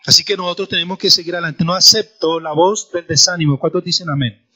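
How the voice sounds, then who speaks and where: A man's voice: a little high, fast talker, sharp tone. A man, a pastor preaching a sermon with an emphatic, repetitive cadence in church. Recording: dull lo-fi church recording.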